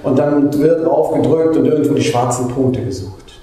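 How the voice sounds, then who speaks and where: A man preaching a sermon in a church, lively and conversational, with asides and little jokes. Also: mid-range voice, moderate pace. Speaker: pastor. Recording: very echoey church room.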